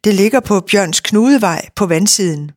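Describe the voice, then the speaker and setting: Woman voicing a quiet worn-out young woman, low-key, dry close sound. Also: expressive, dry recording, close to an everyday voice.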